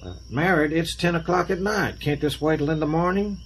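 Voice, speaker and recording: A grumbling country parson, gruff and put out, acted by a man in a radio play. Faint crickets and insects chirp behind him. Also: a little high, a little fast, slight background noise, close to an everyday voice. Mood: grumpy. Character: grumpy male small-town parson, woken at night.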